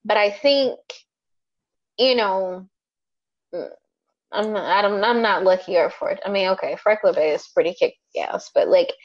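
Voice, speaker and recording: A woman's voice: medium pitch, moderate pace, pauses often, muffled recording. Rambling, frank woman in her thirties. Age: 30s. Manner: rambling, frank, swears, many fillers. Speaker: podcast co-host. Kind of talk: casual chat.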